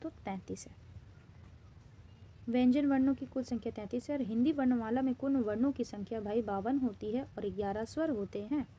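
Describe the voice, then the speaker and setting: A woman's voice: fairly high pitch, normal speed, warm tone. A woman Hindi grammar teacher with an Indian accent, giving a classroom-style lesson in which she poses questions and then answers them, repeating key terms.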